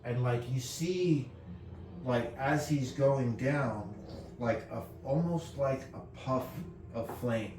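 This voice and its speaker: Halting man running a game, roomy and distant. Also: mid-range voice, darkish tone, slight background noise. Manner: halting, checks in with "you know" and "right?". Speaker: game master. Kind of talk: casual tabletop game narration. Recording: roomy, distant mic with music behind. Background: music.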